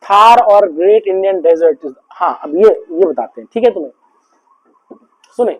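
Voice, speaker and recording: High-voiced man teaching. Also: moderate pace, lo-fi sound. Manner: keeps checking if students understood; mixes English terms into explanations. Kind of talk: classroom lecture.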